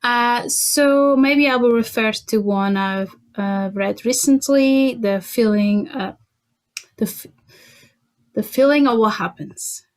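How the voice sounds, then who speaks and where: A woman's voice: fairly high pitch, slow pace, smooth. A young woman from Portugal, a native Portuguese speaker, talking casually as a podcast guest, thoughtful with many fillers and restarts. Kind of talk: casual interview chat.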